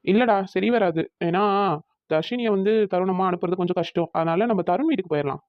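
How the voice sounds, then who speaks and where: Young man, cartoon dub, casual friendly talk, mid-pitched, muffled dry sound, voiced by a man. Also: a little fast, no room sound, lightly acted. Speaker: friend planning an outing. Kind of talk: cartoon voice acting.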